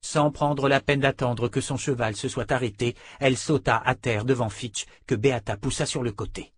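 A man reading a fantasy novel aloud in calm, even scripted narration. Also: mid-range voice, normal speed, breathy edge, dry recording. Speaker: audiobook narrator.

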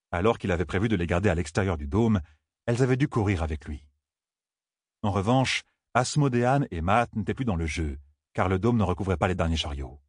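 A man reading a fantasy audiobook in a steady, grave, measured way. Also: low voice, slightly rough, no room sound, studio quality. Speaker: audiobook narrator. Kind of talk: scripted fantasy narration.

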